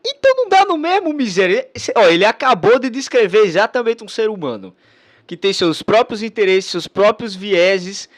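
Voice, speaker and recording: Man, streamer, high voice, animated, slangy, sarcastic. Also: normal speed, no echo. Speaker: streamer reacting to a debate video. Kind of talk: casual react commentary.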